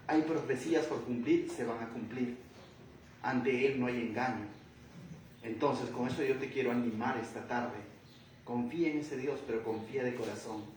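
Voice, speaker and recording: A man teaching the Bible verse by verse as a pastor, animated and full of rhetorical questions, stretching out key phrases. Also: mid-range voice, slight background noise. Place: church hall. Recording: echoey room, voice from a distance.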